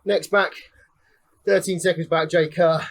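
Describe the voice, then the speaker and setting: Riding along, a young man leads the ride and casually commentates a cycling race, calling out each finisher in turn. He's chatty and a bit out of breath, with a voice on the high side, fairly even intonation and a slightly slow pace.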